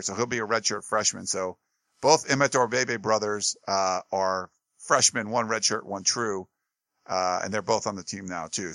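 A man's voice: on the low side, bright, forceful tone, dry recording. A man co-hosting a sports talk show, chatting casually and rambling with lots of fillers and restarts.

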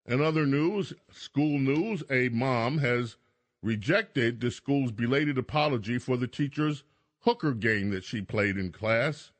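A male talk radio host with a mid-range, animated voice, recorded dry and close. He comments on the news and banters with a sardonic, needling edge. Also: mid-range voice, no room sound. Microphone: close studio radio microphone.

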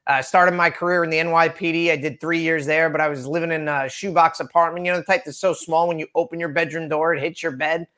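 High-voiced, friendly forty-year-old man. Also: fairly even intonation, fast talker, few pauses, bright, forceful tone. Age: 40s. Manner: friendly, dryly joking. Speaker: police lieutenant, guest. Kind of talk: casual podcast interview.

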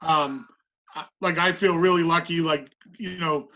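A middle-aged basketball coach from Massachusetts guests on a podcast for a casual conversation, speaking thoughtfully with lots of "you know" fillers and warm, easy laughs. Her fairly low, fairly even voice is unhurried, and the dull lo-fi recording carries a little hiss or hum.

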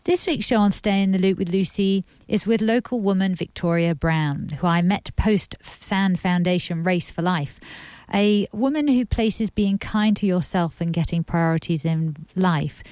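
Lady presenting a radio interview show, lowish voice, measured wording, very dry studio-ish sound. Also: a little mellow, smooth, dry recording. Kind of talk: scripted introduction and interview.

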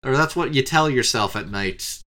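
A man's voice: medium pitch, animated, moderate pace, sharp tone. A man co-hosting a podcast in casual chat, rattling off long lists and swearing offhandedly. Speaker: podcast co-host.

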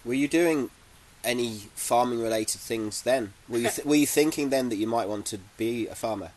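A man conducting a casual interview in a farm polytunnel. He asks his questions haltingly, often repeating words before getting them out. His voice sits at an average pitch for a man. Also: darkish tone.

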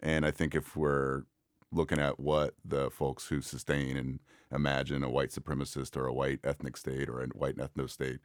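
A man answering interview questions as an organization's co-director, explaining things in a measured way with some hesitation. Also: extremely low pitch, flat delivery, no room sound, clean studio sound. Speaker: nonprofit co-director and interview guest.

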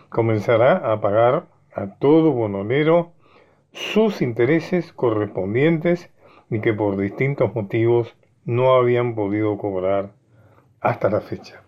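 A man's voice: mid-range voice, close to an everyday voice. A man voicing a scheming older governor who speaks with ceremonious, mock-courteous formality, raising his voice above his narration. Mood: stately. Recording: dull lo-fi recording.

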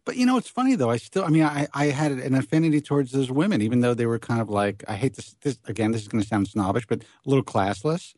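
A man's voice: medium pitch, lively intonation, fast, hardly any pauses, darkish tone, dry recording. A man with a New York accent hosting a casual podcast chat, musing aloud in a candid, reflective way. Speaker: podcast host.

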